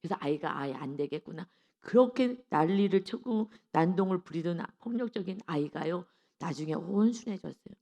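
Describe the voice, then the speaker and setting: Low-voiced woman preaching expressively. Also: lively intonation, a little fast. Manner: acts out quoted voices, swings from soft to loud. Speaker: pastor. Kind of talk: early-morning sermon.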